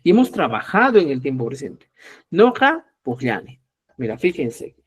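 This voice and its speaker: A middle-aged man teaching a live Quechua lesson, lively and acting out both sides of short dialogues, often checking with viewers and calling them dear friends. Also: medium pitch, moderate pace, breathy edge. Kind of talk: live online language lesson.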